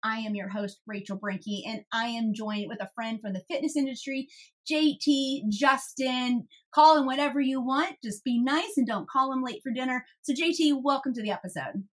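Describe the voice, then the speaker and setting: A woman's voice: sits high, moderate pace. A woman from the United States hosting a business podcast, chatty and upbeat, with frequent laughter. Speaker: podcast host. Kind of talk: casual podcast chat.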